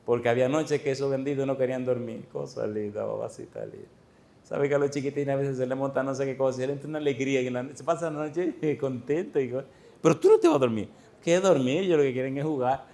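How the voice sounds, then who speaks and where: A middle-aged man preaches a sermon as a pastor, his voice sitting at an average pitch. He tells stories to the congregation and often stops to ask them questions. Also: fast talker, creaky. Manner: lively storytelling, addressing the congregation with questions. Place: church.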